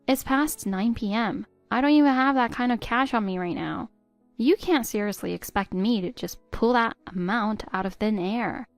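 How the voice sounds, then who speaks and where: A woman voicing a patient, hurt middle-aged stepmother who pleads gently with her stepdaughter. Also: a little high, normal speed, no echo, faint music behind, close to an everyday voice. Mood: pleading. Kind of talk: text-story voice acting.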